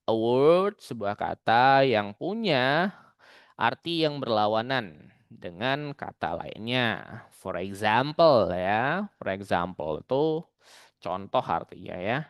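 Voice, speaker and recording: Chatty young male tutor, crisp voice. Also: medium pitch, expressive, slow, dry recording, studio quality. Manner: chatty and explanatory, often tagging lines with "gitu" and "ya". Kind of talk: casual online exam-prep lesson.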